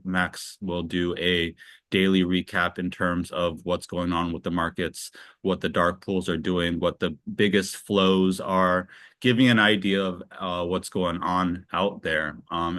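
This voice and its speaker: A man hosts a casual online interview in a very low voice. He talks loosely, full of fillers and restarts, and the recording is dry and close. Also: bright, forceful tone, dry recording. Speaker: interview host.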